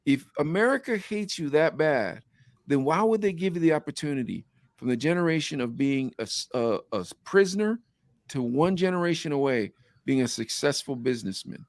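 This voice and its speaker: A man's voice: on the high side, animated, moderate pace, dry recording, clean studio sound. A man hosting a podcast, chatting casually and eagerly pressing his guest with teasing questions. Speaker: podcast host.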